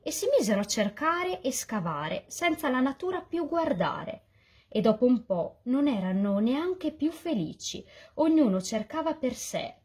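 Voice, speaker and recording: A woman reading a rhyming children's story aloud as a volunteer reader, in a lively, sing-song delivery. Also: fairly high pitch, slightly rough.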